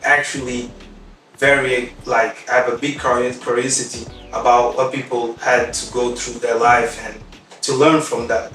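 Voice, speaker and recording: A man's voice: medium pitch, fairly bright tone. Male co-host from Guinea-Bissau, raised in Portugal, reflective, roomy distant sound. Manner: reflective, talks in restarts and asides. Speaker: podcast co-host. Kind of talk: casual podcast chat. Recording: echoey room, distant mic, faint music.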